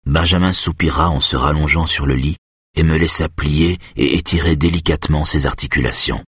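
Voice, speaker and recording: A man reading a first-person novel aloud as an audiobook narrator, calm and measured. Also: rumbling low, slightly rough, no echo, clean studio sound.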